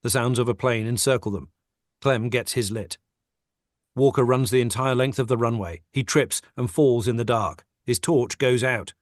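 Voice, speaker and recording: A man reads the stage directions of a script in a steady, matter-of-fact way. His pitch is middling and the sound is dry and close, with no room around it. It is a plain table read over a video call. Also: moderate pace, dry recording.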